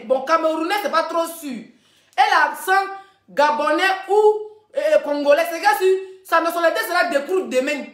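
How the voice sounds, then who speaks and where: A woman hosting a live video, chatting casually with her viewers and telling a story in an animated way, laughing often. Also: very high-pitched. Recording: echoey room.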